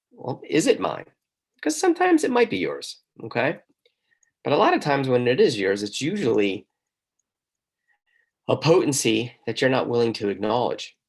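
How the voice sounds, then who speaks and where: A man hosting a talk show, speaking in an emphatic monologue and asking the listener many questions. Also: mid-range voice. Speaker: host. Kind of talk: motivational monologue.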